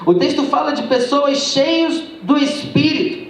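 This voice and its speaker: A man's voice: extremely high pitch, animated, unhurried, distant mic. A man with a Brazilian Portuguese accent preaching a sermon, telling a testimony and calling the congregation his brothers. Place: church sanctuary. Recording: echoey church, heard from afar.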